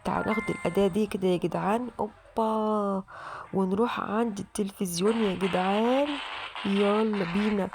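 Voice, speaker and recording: A woman with an Egyptian Arabic accent doing excitable let's-play game commentary, constantly calling out to her viewers. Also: mid-range voice, moderate pace, slight background noise. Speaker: gaming channel host.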